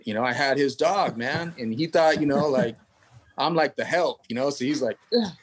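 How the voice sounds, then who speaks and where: A relaxed man spins a long personal story as an interview guest. His pitch sits in an everyday middle range, and his talk wanders through asides and street slang in an easygoing, rambling way. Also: moderate pace, slightly rough. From California. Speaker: tattoo artist guest. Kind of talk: casual storytelling.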